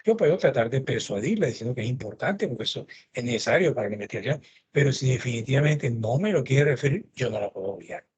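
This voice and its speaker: A man's voice: medium pitch, animated, fast talker, darkish tone. A middle-aged man gives a lecture, telling anecdotes and acting out the dialogue. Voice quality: very husky. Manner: storytelling, acting out quoted dialogue. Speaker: lecturer in forensic medicine.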